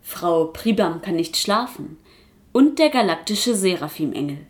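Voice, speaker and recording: A woman narrating a storybook for children in an expressive reading voice. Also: fairly low pitch, measured pace.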